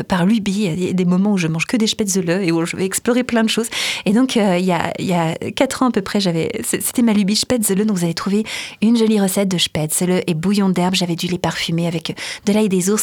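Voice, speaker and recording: A woman on a podcast sharing food notes in a husky, slightly breathy voice. She talks in a chatty, enthusiastic way, pausing with fillers as she goes. Her pitch sits mid-range. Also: darkish tone. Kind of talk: casual podcast chat.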